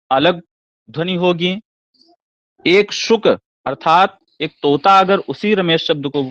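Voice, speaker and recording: A man with a fairly high pitch and a fairly bright tone gives an explanatory lecture on classical Sanskrit poetics. He poses rhetorical questions and answers them himself. The recording is dull, lo-fi, and dry with no room sound.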